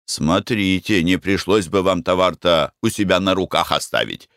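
A man's voice: sits low, normal speed, fairly bright tone, smooth, no room sound, studio quality. A man voicing a scheming, hot-tempered older merchant who blusters and wheedles, in an audiobook reading. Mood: persuading. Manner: blustering, sly.

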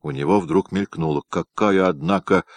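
A man narrates a historical novel in a deep, low voice, measured and expressive. The recording is dry and close, with no room around it. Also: gravelly, no echo. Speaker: audiobook narrator. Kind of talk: dramatic reading of a historical novel.

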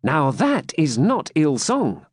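A sly court jester, as a male narrator puts him on teases in a high, bouncing voice. His lines are mocking and playful, rising and falling freely. The reading is close and dry. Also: huge pitch swings, slow pace, slightly rough, no room sound, heavily acted.

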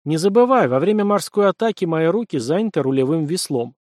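A wry, seasoned Norse helmsman, as a male narrator puts him on, explaining things with knowing calm. The voice sits a little high and the sound is dry. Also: a little fast, no echo, close to an everyday voice.

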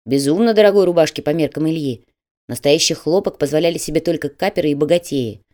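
A woman narrating an audiobook in a measured, even reading manner. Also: sits low.

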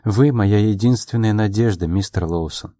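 A man voicing a proud, quick-tempered young woman in an audiobook, her lines pitched a little above his own and delivered in quick, emotional replies. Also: warm tone, dry recording, clean studio sound, close to an everyday voice. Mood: anxious, hopeful.

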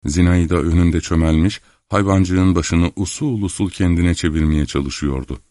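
A man calmly narrating a literary novel in the first person as an audiobook reader. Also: deep voice, no echo, studio quality. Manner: calm, measured storytelling.

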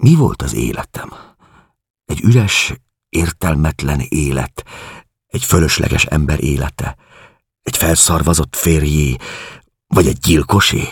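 A man reading an audiobook, voicing a grieving middle-aged refugee who speaks in a quiet, confessional, searching way. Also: a bass voice, animated, long pauses, slightly rough, dry recording, studio quality, heavily acted.

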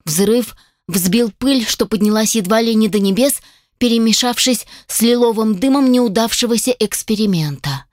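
A woman giving measured, scripted first-person narration of a fantasy audiobook. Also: on the high side, darkish tone, dry recording, clean studio sound.

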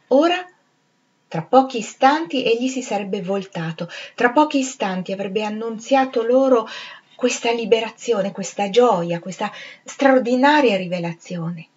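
A woman reading a literary novel aloud in a measured, expressive way. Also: mid-range voice, dull audio. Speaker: reader. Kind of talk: literary audiobook narration.

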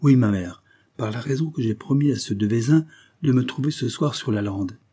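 A man reading the part of a young peasant fighter of about twenty who speaks bluntly and calmly. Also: mid-range voice, normal speed, breathy edge, natural voice. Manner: blunt, calm country speech.

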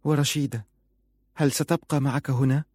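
A man voicing a sad, hesitant young woman who speaks softly. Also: mid-range voice, steady tone, moderate pace, dry recording, pitched above the performer's own voice, close to an everyday voice. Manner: soft, quiet.

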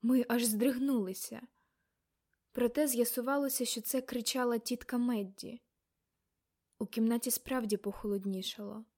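A woman narrates a novel as an audiobook, her voice sitting high. Her delivery is measured and expressive, in the manner of a practiced storyteller.

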